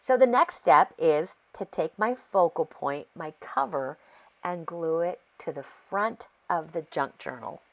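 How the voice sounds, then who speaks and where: Narrating a craft project, an American woman with a stuffy, sore-throat voice keeps things loose and rambling. She speaks on the low side, expressively and without hurry, drifting off topic as she goes, like a chatty craft video host.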